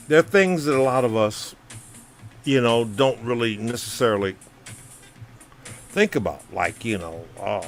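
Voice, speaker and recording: A man's voice: a little high, a bit bright. An American man musing in a loose, rambling commentary, full of "you know" fillers. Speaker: vlogger. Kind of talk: casual spoken commentary. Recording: faint background music under voice. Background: faint background music.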